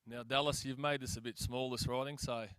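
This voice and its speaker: A man's voice: medium pitch, fairly even intonation, a little fast, fairly bright tone, clear, resonant tone. An Australian man hosting a school sports awards night in a hall, chatting with guests in a chummy way. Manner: chummy, keeps saying "mate". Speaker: master of ceremonies.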